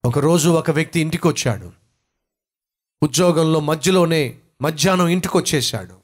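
Male pastor, Telugu accent, forceful sermon delivery in punchy repeated phrases, slightly raised pitch. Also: moderate pace. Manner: emphatic preaching in short repeated phrases.

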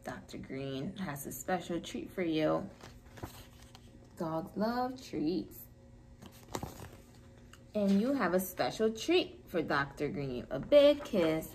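A woman who is a preschool teacher, reading a picture book to young children in a gentle storytime voice. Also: on the low side, big pitch swings, a little hiss or hum, rough recording. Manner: gentle, slow, sing-song storytime delivery.

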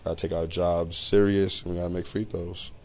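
Male head coach, deep and flat, blunt postgame talk with faint background hum. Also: fairly quick. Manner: blunt, matter-of-fact. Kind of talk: postgame interview.

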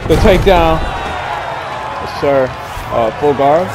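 A young man casually commentating his own video game fight, excitable and loud in his reactions. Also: a little high, slow, noisy background. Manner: excitable, shouting reactions and laughter. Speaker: gaming video host. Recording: game music and crowd underneath. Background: game music and arena crowd.

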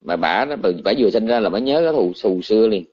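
A man, a Buddhist monk, telling a story in a colloquial, animated sermon. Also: on the low side, fast, dull audio.

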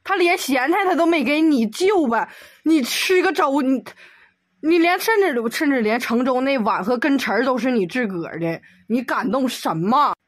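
Woman commentator, comedic exasperated rant, slightly high voice, dry close sound. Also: lively intonation, no room sound. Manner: exasperated, rapid rhetorical questions. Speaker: video commentator.

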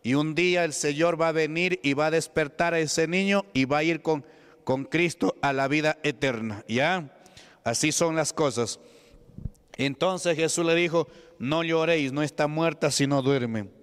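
A man's voice: on the high side, moderate pace, a bit bright, smooth. A man with a Peruvian Spanish accent preaching an evangelical sermon, emphatic, calling out questions to the congregation. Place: church hall. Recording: long hall reverb.

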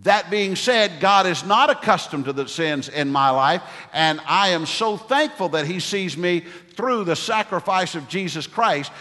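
Middle-aged preacher in a reverberant church. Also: male voice, a little high, sharp tone. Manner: earnest preaching with storytelling asides. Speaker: pastor. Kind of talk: sermon. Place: church sanctuary stage at a wooden pulpit. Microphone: pulpit microphone. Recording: long church hall reverb.

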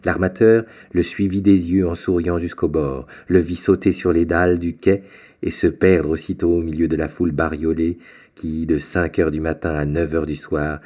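A man narrating a classic novel as an audiobook, measured and clear. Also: deep voice, level tone, dark tone.

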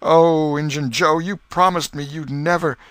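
A man's voice: a little high, fairly even intonation, measured pace, fairly bright tone, dry recording, voice pushed up. A man voicing a sobbing, helpless accused man in an audiobook, pleading in rustic, folksy speech with a wailing, moaning tone. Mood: broken despair.

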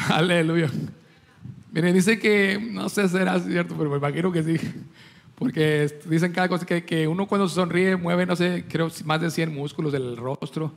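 Pastor, man with a high voice, preaching, quizzing and joking with his flock. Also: normal speed, gravelly. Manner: preaching with rhetorical questions to the congregation; jokes with the congregation. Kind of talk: sermon.

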